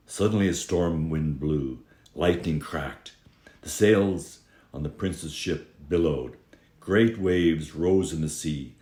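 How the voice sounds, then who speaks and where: Reading a fairy tale aloud, a man with a very deep voice performs as a dramatic storyteller. He is expressive and draws out key moments for emphasis, and the recording sounds echoey.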